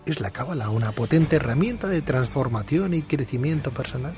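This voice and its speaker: A man with a Spain Spanish accent hosting a late-night radio interview, courteous and measured, with hesitant fillers. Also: mid-range voice, lively intonation, over loud music. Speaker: radio host.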